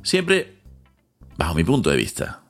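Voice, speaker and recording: A man hosting his podcast in a monologue, with dramatic pauses, slow emphatic phrases and quick lists, speaking into a studio mic. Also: low voice, wildly swooping pitch, fairly bright tone, faint music behind. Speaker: podcast host, lawyer. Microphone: studio microphone with headphones.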